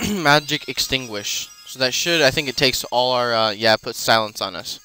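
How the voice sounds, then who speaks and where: A man's voice: mid-range voice, normal speed, pushed and bright, faint music behind. A man casually commenting while he plays a video game, rambling with many fillers and self-corrections as he explains what he is doing. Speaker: let's play host.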